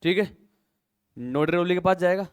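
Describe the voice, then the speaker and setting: A man's voice: high-pitched, moderate pace, clean tone. A male accounting teacher from India who explains through a silly story and keeps checking that students follow. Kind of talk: classroom lecture.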